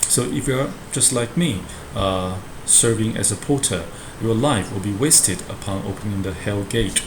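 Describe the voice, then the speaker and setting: Man, university lecturer, professor explaining a text, lowish pitch, frequent tag questions, noticeable background noise. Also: measured pace. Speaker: university lecturer teaching a Shakespeare class. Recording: roomy echo with clear background noise.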